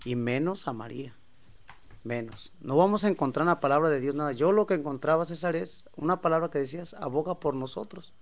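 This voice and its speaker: A man's voice: fairly high pitch, fairly quick. A man on a religious talk program, earnestly reading and citing scripture to make his point. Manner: earnest, reads and cites scripture. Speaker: co-host of a religious discussion program. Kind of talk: casual religious discussion.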